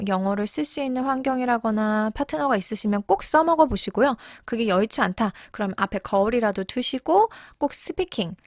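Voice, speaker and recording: A woman with a Korean accent teaching an online English lesson, explaining pronunciation and repeating phrases slowly for practice. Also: a little high, no room sound, clean studio sound.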